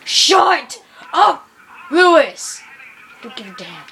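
A young woman casually commentating a video game, hyper and laughing often, squealing into high pitches. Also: big pitch swings, very slow, vocal fry, sharp tone, poor audio. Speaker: gameplay commentator. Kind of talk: casual let's-play commentary. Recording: background noise.

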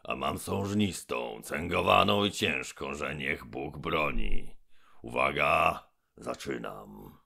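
A man's voice: rumbling low, expressive, vocal fry, pushed and bright, exaggerated voice. Gębon, a man voicing a pompous robber giant. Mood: threatening. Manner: pompous, slow and menacing. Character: huge pompous robber monster with diploma, male. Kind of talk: audiobook character voice.

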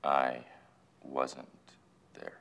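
An actor playing an indignant, defensive murder suspect in a TV crime drama. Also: male voice, rumbling low, monotone, very slow, vocal fry, fairly bright tone, full character voice. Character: indignant male murder suspect, a smooth swindler.

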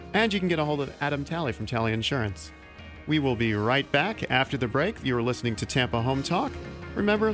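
A man in his thirties hosting a local radio talk show in a small studio, speaking into a studio mic with quick, joking delivery. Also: medium pitch. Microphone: studio mic on boom arm.

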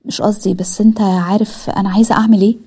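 Woman reading jealous scheming egyptian girl, sharp and dismissive, husky. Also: medium pitch, steady tone, rapid-fire. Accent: Egyptian Arabic.

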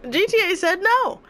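A woman streaming an online game, talking in loud, dramatic outbursts and swearing a lot. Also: very high voice, a little hiss or hum. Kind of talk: casual gaming commentary. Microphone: headset or desk mic.

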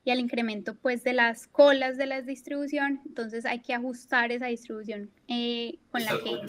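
A woman's voice: on the high side, little pitch movement, normal speed. A young woman from Colombia answering interview questions in a casual, hesitant way, with frequent fillers and restarts. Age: young adult. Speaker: guest, climate risk analyst. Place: at work in Bermuda.

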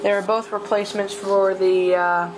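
Noisy, click-filled audio from a handheld camera's built-in mic captures a host showing off a collection at a desk in a home room. The casual show-and-tell is halting, with regular coughing and throat-clearing, delivered at a medium pitch in a level tone.

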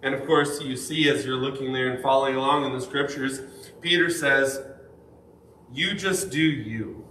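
A male pastor delivers a sermon in a relaxed, conversational way, posing rhetorical questions and pressing on the words that matter. His voice is bright and carrying. The recording is roomy and reverberant, with the speaker a little distant and a faint hiss underneath. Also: mid-range voice, fairly quick. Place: church sanctuary. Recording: echoey room, speaker off the mic.

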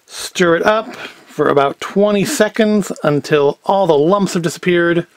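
Thinking out loud with a wry, self-questioning air, a man rambles through his homemade food review video indoors, starting at a table before moving to the kitchen. His voice sits high and runs a little slow, recorded without echo.

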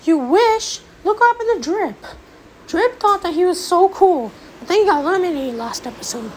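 A woman's voice: very high-pitched, expressive, moderate pace, voice pushed up. A woman voicing a cocky, taunting talking object in a homemade contest cartoon. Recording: noisy home recording.

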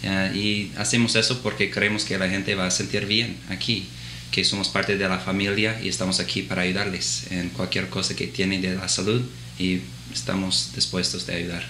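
Giving interview answers in a clinic office, this physician assistant in his thirties, a native English speaker, uses Dominican-learned Spanish with an American accent. His voice is low and sharp with little pitch movement at normal speed, and he hesitates, uses filler sounds, and restarts often. The sound is roomy with slight hiss or hum.

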